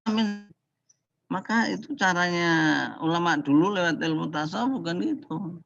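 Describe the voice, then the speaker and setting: Man, classroom lecturer, lively, acts out quotes, slightly high voice, dull lo-fi recording. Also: moderate pace, gravelly. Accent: Indonesian. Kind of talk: classroom lecture on Islamic teaching.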